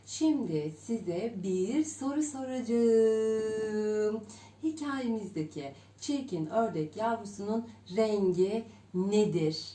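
A woman's voice: mid-range voice, animated, slow, warm tone, far from the mic. A woman preschool teacher telling a story and leading a finger game for small children, in a sing-song manner. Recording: roomy echo.

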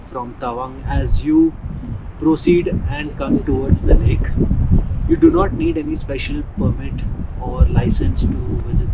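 A man's voice: medium pitch, heavy background noise. A man with an Indian English accent, narrating his travel vlog with enthusiasm and recommending places to viewers. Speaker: travel vlogger. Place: outdoors in windy mountains. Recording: music playing behind.

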